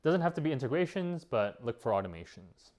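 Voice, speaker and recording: A man's voice: mid-range voice, very animated, a little fast, a little mellow. A man giving casual vlog advice as a business owner, rambling with many fillers and restarts.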